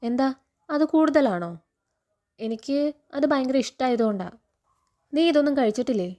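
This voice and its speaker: A woman reading the lines of a stern father who scolds and teases his daughters, in a steady recounting tone. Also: high-pitched, normal speed. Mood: teasing. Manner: stern, threatening.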